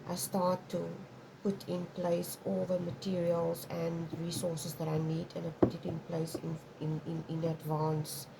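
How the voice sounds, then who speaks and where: Amid background noise, a deep-voiced woman with vocal fry does an intuitive tarot reading. Afrikaans is her first language, and she rambles, restarting many times and frequently asking "okay?".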